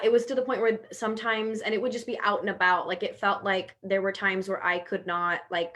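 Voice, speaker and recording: A woman's voice: medium pitch, fairly bright tone. A young woman from Houston, a panel guest sharing a personal story in a reflective way, full of fillers like "like.". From Houston, Texas. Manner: reflective, filler-heavy with frequent "like". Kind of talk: personal testimony in conversation.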